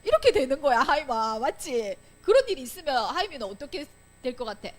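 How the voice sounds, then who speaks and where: A woman's voice: sits high, quick pace. A young woman teaching a Sunday school Bible lesson to children, telling the story with acted-out lines and frequent questions to the class. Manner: animated storytelling, acting out quoted lines, asking children questions. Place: church classroom.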